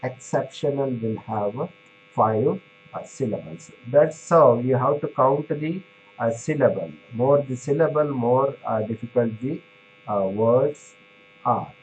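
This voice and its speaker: A man's voice: mid-range voice, slow pace, darkish tone, slight background noise, low-quality recording. A man giving a classroom lecture on pharmacy, explaining step by step with many fillers and restarts, checking in with "right?".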